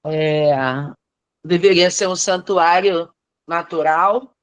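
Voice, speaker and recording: A woman's voice: fairly low pitch, fairly even intonation, no room sound. A woman teacher from Rio de Janeiro, speaking thoughtfully on a video call and often adding "né?". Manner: thoughtful, measured, frequent "né?" tags. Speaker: teacher in a training course. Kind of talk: reflective discussion on a video call.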